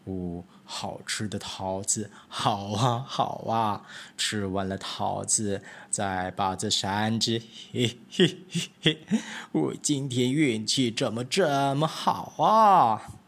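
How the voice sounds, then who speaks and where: A big, fat storybook tomcat, bashful and a little scheming, who stammers and mutters in a low, slow, hesitant voice, as a man acts him out. His tone is lower and hazier than the narration around him. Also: fairly bright tone, exaggerated voice.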